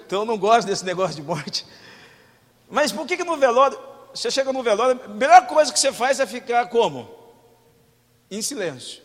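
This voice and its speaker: High-voiced animated male preacher. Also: brisk, long pauses, in a large hall. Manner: animated preaching, swinging from loud to hushed; talks directly to the congregation with questions. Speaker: pastor. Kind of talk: sermon.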